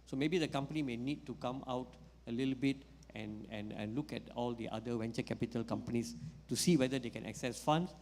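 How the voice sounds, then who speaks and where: Guy answering on a panel, mid-pitched, explains slowly with lots of uhs. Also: a little mellow. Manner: explanatory, with many hesitations. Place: conference hall. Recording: long reverb in a conference hall.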